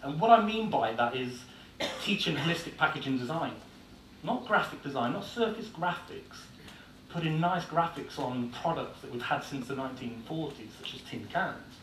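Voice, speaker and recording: Lively in intonation and moderate in pace, this man's voice runs on the high side. Irish-born with an English accent, he delivers a blunt, casual conference talk peppered with fillers, heard from a distant mic in an echoey hall with faint noise.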